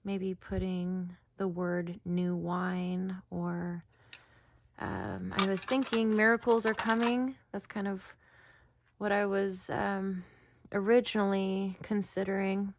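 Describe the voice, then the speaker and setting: Unhurried woman crafter thinking aloud, humble and hesitant. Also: medium pitch, little pitch movement, noisy background. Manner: rambling, with frequent ums and restarts; humble, apologetic. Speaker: craft video maker. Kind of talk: casual chat while crafting.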